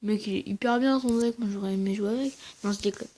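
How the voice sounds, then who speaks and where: A woman giving casual, slangy commentary over her own gameplay, talking quietly and then shouting at big wins and losses. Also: medium pitch, fast. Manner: speaks quietly between outbursts. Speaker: gaming channel host.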